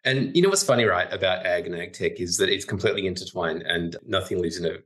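Guy hosting a podcast, lowish voice, gets all excited reading the guest's intro. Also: fast. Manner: enthusiastic, excitable. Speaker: podcast host. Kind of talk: casual podcast interview.

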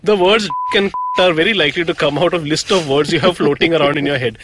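A man's voice: fairly high pitch, quick pace, background noise. A young man from South India co-hosting a podcast, telling history in a chatty, joking way with lots of "uh"s. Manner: chatty, jokey storyteller with frequent fillers. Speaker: podcast co-host. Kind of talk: casual chat.

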